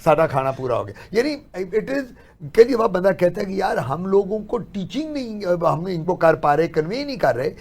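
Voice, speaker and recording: A man's voice: high-pitched, very animated, darkish tone. A man, a doctor and interview guest, chatting casually and telling stories in which he acts out his patients' words. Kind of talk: casual chat.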